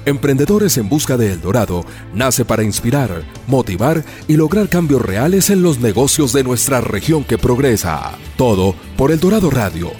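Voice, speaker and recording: Lively radio promo announcer. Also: male voice, medium pitch, moderate pace, soft background music. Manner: punchy, emphatic announcing.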